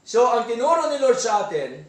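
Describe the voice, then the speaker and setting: A man with a Filipino accent preaching a sermon in a church, asking the congregation for assent and reading verses slowly. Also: very high voice, very animated, reverberant, recorded from a distance. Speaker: pastor. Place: church hall.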